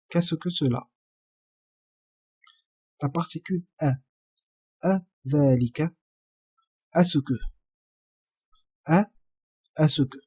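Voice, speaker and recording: A man teaching a lesson, patiently repeating each phrase slowly. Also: mid-range voice, dark tone, breathy edge, no echo. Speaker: Arabic teacher. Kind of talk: slow classroom explanation.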